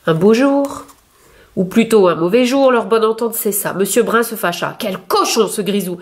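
A woman reading a picture book aloud for young children with clear, expressive storytelling. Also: mid-range voice, normal speed.

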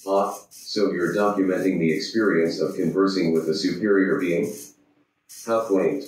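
A man's voice: low voice, steady tone, normal speed, a little mellow, natural voice. A man doing a smug robot voice. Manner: pompous, says beep-boop noises. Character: smug male robot chatbot, boastful and pompous. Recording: very echoey, distant from mic.

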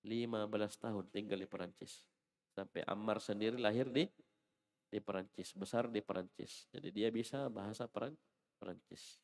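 A man's voice: fairly low pitch, fairly even intonation, normal speed, creaky, darkish tone, big-room sound. A man teaching a classroom Arabic lesson, patiently explaining and correcting a student's reading. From Indonesia.

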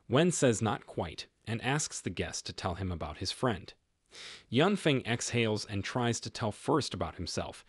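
A man narrates a story recap in a low, slightly husky voice, reading in an even, measured way. The recording is dry and close, with no room sound. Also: no room sound.

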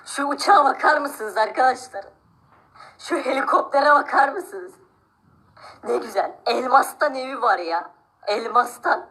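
A woman's voice: high-pitched, fairly bright tone. A woman voicing a poor, envious villager who complains about the rich and plots revenge in a game-video drama. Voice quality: whiny, complaining. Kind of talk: amateur game role-play narration.

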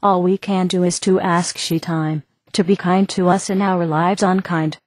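A woman's voice: lowish voice, fairly even intonation, moderate pace, darkish tone, no echo. Woman narrating a fantasy story, dry.

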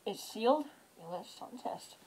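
A woman's voice: fairly high pitch, animated, unhurried, darkish tone, slight background noise, poor audio. A woman vlogger talking casually through a sealed gas mask, rambling and offhand as she tests it. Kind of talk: casual show-and-tell.

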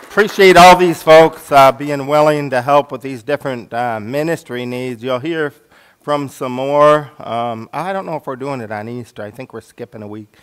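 A man's voice: medium pitch, normal speed, smooth. A middle-aged American pastor preaching from the pulpit of a church sanctuary. He speaks earnestly, repeating phrases and calling on the Lord as he prays. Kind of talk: sermon.

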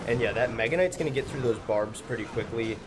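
A man's voice: mid-range voice, quick pace, noisy background. A young man with a slightly congested, stuffy nose gives casual gameplay commentary as a gaming video host. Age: young adult. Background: loud music.

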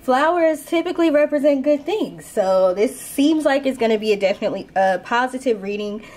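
A woman's voice: high-pitched, animated, brisk, darkish tone. Woman, blocked nose, congested mouth-breathing sound, casual tarot reader. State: stuffed nose from sinus infection, breathing through mouth. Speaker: tarot reader and channel host. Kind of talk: casual spoken card reading.

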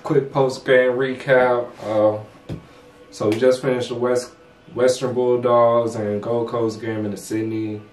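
A man's voice: medium pitch, flat delivery, slow pace, a little mellow, a little hiss or hum. Laid-back young man, roomy echo. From United States. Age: young adult. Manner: laid-back, slangy, drops "bro" and "man". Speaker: co-host. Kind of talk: casual sports recap chat. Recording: roomy echo, mic at a distance.

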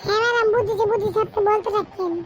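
Cartoon job seeker, very high squeaky voice, stammering, clueless. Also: fairly even intonation, racing, slight background noise. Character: silly dim-witted young man job seeker. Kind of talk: comic cartoon dub.

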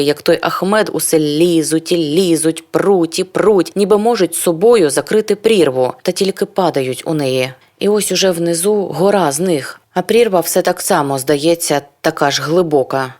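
A reader narrating a literary novel in the first person, brooding and introspective, often turning to rhetorical questions. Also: mid-range voice. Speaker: audiobook reader.

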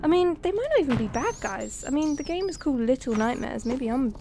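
A woman's voice: high-pitched, big pitch swings, fairly quick, gravelly, background noise. A woman streaming a horror game with casual commentary, sounding jumpy and scared and swearing as she reacts.

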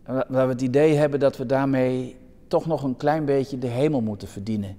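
A man's voice: mid-range voice, fairly quick, warm tone. A man preaching a sermon from the Netherlands in an earnest, pastoral way, sometimes restarting his words. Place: church hall. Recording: long church reverb.

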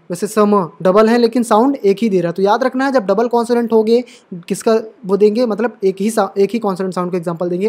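A man's voice: high voice, darkish tone. A man teaching English pronunciation rules at a board, explaining patiently and repeating himself often to check that students follow. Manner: calls viewers brother and dear. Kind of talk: classroom lesson at a board.

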